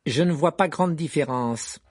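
A man's voice: fairly high pitch, expressive, slow, a bit bright. Rogue, a man reading as a silky menacing teacher. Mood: icy. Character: cold menacing male wizard teacher.

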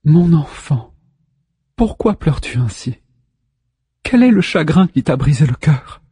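A man voicing a grieving sea goddess mother who speaks softly, consoling and lamenting her son. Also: fairly high pitch, big pitch swings, measured pace, husky, dry recording, long reverb tail, voice pushed up, heavily acted. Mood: tender.

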